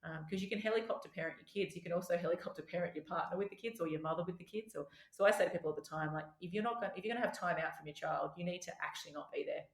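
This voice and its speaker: A woman's voice: on the low side, racing, hardly any pauses. A woman in her thirties, a doctor speaking as a podcast guest, talking frankly and casually with many restarts. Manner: chatty and frank, with frequent restarts. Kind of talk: candid conversational interview. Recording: roomy echo.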